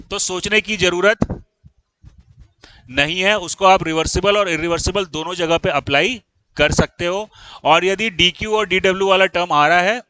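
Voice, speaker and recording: A man's voice: sits high, pushed and bright, smooth, dry recording, rough recording. A man teaching an engineering class, explaining step by step and often asking whether students follow. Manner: explains, then checks understanding with frequent questions; scolds students in exasperation. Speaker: engineering lecturer. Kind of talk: classroom lecture.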